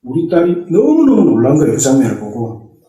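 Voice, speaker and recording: Mellow middle-aged man telling a testimony. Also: medium pitch, huge pitch swings, fairly quick. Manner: storytelling, acting out family dialogue. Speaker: church deacon giving a testimony. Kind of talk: personal testimony told as a story. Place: church sanctuary. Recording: echoey church hall, mic far off.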